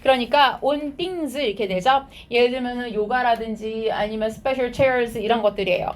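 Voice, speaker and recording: A high school English teacher explains a textbook passage in a lively lecture at a moderate pace. She moves between Korean explanation and English phrases, reading them aloud while posing questions to students and answering them herself.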